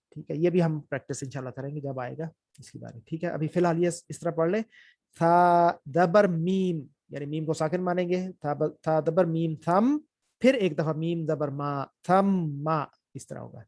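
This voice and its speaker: A man teaching Quran reading, who spells out letters and vowel marks slowly, then speeds up to explain, and keeps checking in with his students. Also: fairly high pitch, gravelly, darkish tone, no echo, studio quality. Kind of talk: recorded reading lesson.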